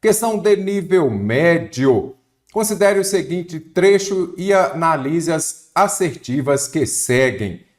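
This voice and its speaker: A man from Minas Gerais with a Brazilian Portuguese accent teaches an online exam-prep grammar lesson, asking questions and answering them himself. His voice runs high, with lively intonation, and he takes his time.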